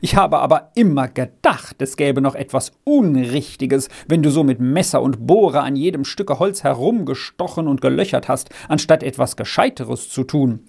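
A man's voice: medium pitch, animated, normal speed, gravelly, hardly any pauses, a little mellow. A man voicing a worried, scolding peasant mother who laments in a raised voice. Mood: lamenting. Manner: urgent, lamenting.

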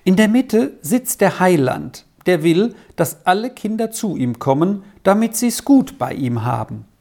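A woman voicing a gentle, earnest young boy in a storybook reading, speaking softly and reassuringly. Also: on the low side, very animated, measured pace, full character voice.

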